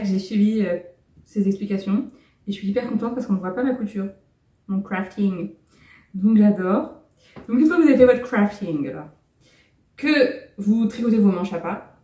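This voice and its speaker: Chatty woman, mellow voice, roomy distant sound. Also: mid-range voice. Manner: chatty, rambling, light self-mocking laughs. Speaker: knitting vlogger. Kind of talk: casual chat showing finished knits.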